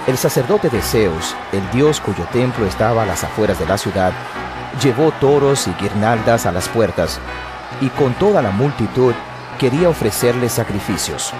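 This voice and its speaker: A man's voice: mid-range voice, animated, normal speed, music in the background. A man giving solemn, scripted narration of a dramatized Bible.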